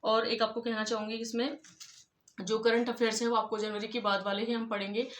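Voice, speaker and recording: A woman talks fast and earnestly, giving study advice to exam candidates in a casual, repetitive way. Her voice is fairly high but stays level, with little rise and fall. The room around her is echoey. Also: level tone, slight background noise. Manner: earnest, repeats "I'd like to tell you". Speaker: exam-prep tutor.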